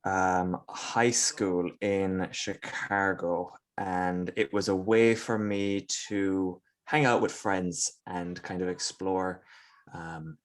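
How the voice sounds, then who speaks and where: A man's voice: deep voice, fairly even intonation, slow. A man from the west of Ireland with an Irish accent, chatting casually and playfully as an interview guest, with self-deprecating humour. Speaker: guest comedian.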